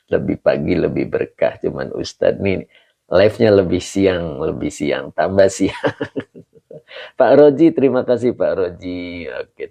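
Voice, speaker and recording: Low gravelly-voiced male preacher. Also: warm tone. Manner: reads viewers' comments aloud and answers with prayers and chuckles. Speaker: Islamic preacher hosting a live study stream. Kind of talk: casual live-stream greetings to viewers.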